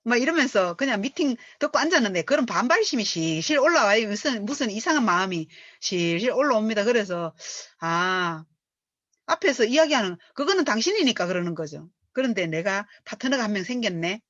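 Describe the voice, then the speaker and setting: A middle-aged woman, reading from a book and coaching on it as a lively storyteller who acts out the speech she quotes. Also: medium pitch, fairly quick, dry recording. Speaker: business coach. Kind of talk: reading aloud and lecturing on a book. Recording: dull dry lo-fi recording.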